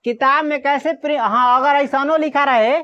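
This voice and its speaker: A woman teacher giving a classroom lesson on reading Hindi letters. She sounds out letters slowly one by one, then quizzes the class and answers herself. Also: high voice, steady tone, fairly bright tone. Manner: drills by asking questions and answering them herself. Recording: dull lo-fi recording.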